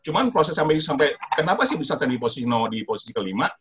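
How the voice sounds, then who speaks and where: A man giving casual advice on a talk show, joking about himself and telling stories in an animated way. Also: mid-range voice, quick pace, slightly rough. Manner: joking, self-mocking, animated storytelling. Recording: noisy recording with clicks.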